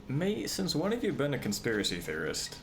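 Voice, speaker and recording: A man's voice: on the high side, wildly swooping pitch, fairly quick, faint music behind. A man chatting casually while hosting a game livestream, bantering in an exasperated way. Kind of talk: casual gameplay chat.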